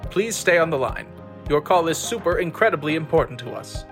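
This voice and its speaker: A man's voice: fairly high pitch, a little fast, soft background music, lightly acted. A man doing a smug automated phone menu. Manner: polite, smooth, deadpan.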